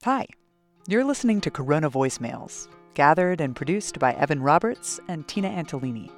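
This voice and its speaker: A man hosting a podcast, reading calm scripted narration. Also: a little high, brisk, soft background music. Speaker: podcast host.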